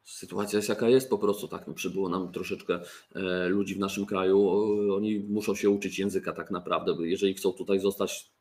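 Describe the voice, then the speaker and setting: A man's voice: deep voice, little pitch movement, brisk, darkish tone. Chatty man presenting board games. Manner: chatty, joking, with fillers and restarts. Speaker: toy company presenter. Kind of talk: casual product presentation.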